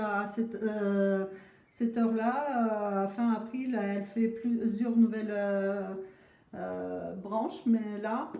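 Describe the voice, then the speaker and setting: A woman who is not a native French speaker gives a casual tour of her houseplants on her home veranda, pausing often with fillers. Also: on the high side, warm tone. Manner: hesitant, many filler pauses. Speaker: plant vlogger. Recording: roomy echo.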